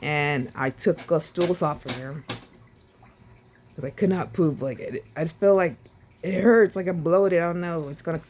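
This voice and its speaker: Low-voiced woman, sore and winded. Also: darkish tone, slight background noise. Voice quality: sore throat. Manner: halting, with sighs, laughs and restarts. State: sore and winded after surgery. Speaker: vlogger. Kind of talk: casual recovery vlog.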